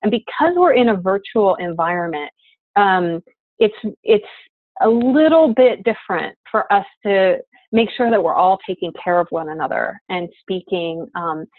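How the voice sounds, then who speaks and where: Animated and speaking at a normal speed, a woman with a medium-pitched voice leads an online class call, earnest but constantly saying um and uh. The audio is dry and phone-like with no echo.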